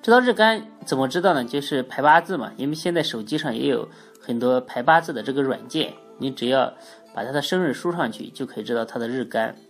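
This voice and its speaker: A woman's voice: rumbling low, animated, quick pace, soft background music. A woman with a stuffy, congested nose from a cold gives an explanatory spoken lesson as the host, phrasing her points emphatically. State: has a cold. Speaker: teacher of Chinese astrology, hosting an audio programme.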